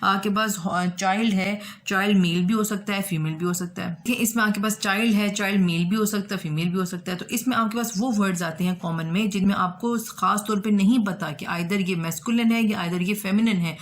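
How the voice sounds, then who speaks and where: A woman's voice: medium pitch, fairly quick, hardly any pauses. A woman English teacher patiently walking students through exercises, giving many examples and often checking with "okay". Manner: explains patiently with examples, switches between Hindi and English, repeats "ठीक है". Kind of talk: classroom explanation of an exercise.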